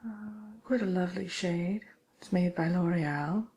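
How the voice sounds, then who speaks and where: A woman playing a vain, sinister, cynical witch in an ASMR roleplay, speaking haughtily and haltingly, sometimes dropping to a whisper. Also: lowish voice, mellow, breathy edge, poor audio. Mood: vain, self-satisfied. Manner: haughty, unhurried, halting, partly whispered delivery. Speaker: host answering listener questions. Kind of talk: ASMR character roleplay chat.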